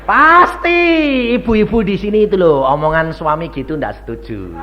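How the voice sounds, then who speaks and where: A man's voice: a little high, moderate pace, noisy background. An older man, telling stories in a sermon and acting out the voices of the people in them. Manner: animated storytelling, acting out dialogue in many voices. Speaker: evangelist preacher. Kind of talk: storytelling sermon. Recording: dull lo-fi archive recording with faint ambience.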